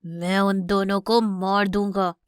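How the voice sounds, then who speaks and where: A woman voicing a cruel, evil male lion in a cartoon story, speaking in a slow, low, menacing drawl. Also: little pitch movement, clear, resonant tone, no room sound, studio quality, natural voice.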